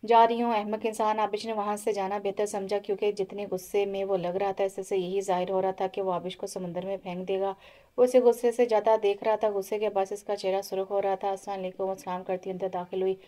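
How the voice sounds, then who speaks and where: A woman narrating an audio novel in a calm, steady storytelling voice. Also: medium pitch, quick pace, poor audio.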